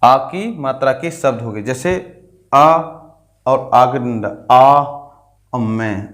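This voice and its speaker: A man's voice: mid-range voice, slow, fairly bright tone. A man teaching young children to read, sounding out each syllable and repeating it, checking in often as he goes. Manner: drills syllables aloud, keeps checking with "theek hai". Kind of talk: slow patient Hindi alphabet lesson for children.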